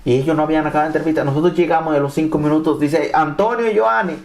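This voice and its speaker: Man, from Mexico, native Spanish speaker, personal testimony, repeats himself, slightly high voice. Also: little pitch movement, rapid-fire, a little mellow. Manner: repeats and restarts phrases, acts out quoted dialogue. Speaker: interviewee telling his immigration story.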